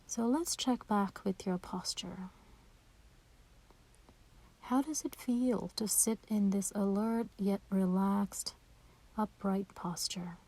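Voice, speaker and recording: A woman with a mid-range voice leads a guided meditation, speaking softly and breathily. She sounds gentle and soothing and takes unhurried pauses.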